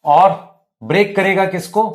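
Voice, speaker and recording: A man's voice: high-pitched, a little slow. A male biology teacher, explaining at the board and quizzing students with rhetorical questions. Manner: addresses students as beta and bhai.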